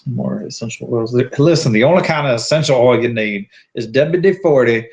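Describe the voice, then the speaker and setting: A man's voice: mid-range voice, moderate pace, darkish tone. Young man in his twenties, co-host; dry teasing humor, casual chat. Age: 20s. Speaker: co-host, soldier. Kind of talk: casual live stream chat.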